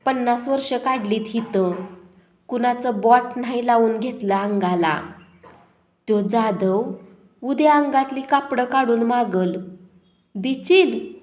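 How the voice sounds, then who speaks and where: A woman's voice: a little high, takes it slowly, pauses often, a little mellow. A woman voicing a harsh old village father who scolds his son in rustic dialect. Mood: scolding.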